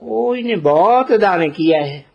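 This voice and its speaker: A man giving a slow spiritual discourse as a teacher, deliberate and posing rhetorical questions to his listeners. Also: high voice, animated, gravelly. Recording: dull lo-fi recording.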